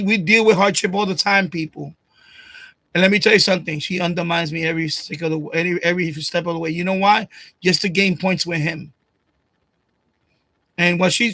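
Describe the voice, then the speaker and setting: A man in his late fifties vents to his livestream audience in a high, bright voice, swearing freely and circling back to the same lines. He talks close into a desk microphone at home, and the sound is dry, with almost no room echo. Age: 50s. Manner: rambling, profane, repeats phrases, voice rises when upset. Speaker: livestream host. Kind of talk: emotional personal rant. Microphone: desk USB condenser microphone.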